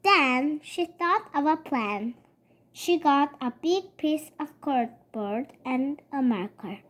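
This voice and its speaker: A child reads a picture book aloud haltingly, tripping over words and backing up to repeat them. The voice is high-pitched, expressive, and a little bright.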